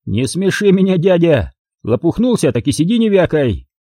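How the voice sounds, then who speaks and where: A man's voice: fairly high pitch, sing-song, normal speed, mellow, no room sound, clean studio sound, voice pushed up. Man voicing a sneering young thug. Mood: threatening. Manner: rough, sneering commands. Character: young male thug, coarse, mocking and menacing.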